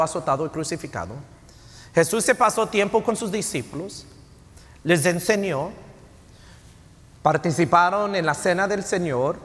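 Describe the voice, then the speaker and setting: A man's voice: high-pitched, fairly bright tone. A middle-aged man preaching a bilingual sermon, switching between Spanish and English and often adding tag questions. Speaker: pastor. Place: church sanctuary. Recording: long church hall reverb.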